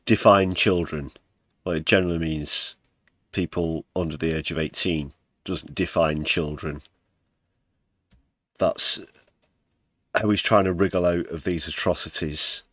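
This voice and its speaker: A British man hosts a livestream and comments casually on news clips. His voice is very low and his delivery unhurried, with wry, sarcastic asides. The sound is dry and close, with no room around it. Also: fairly even intonation, a bit bright, no room sound. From United Kingdom. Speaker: livestream host.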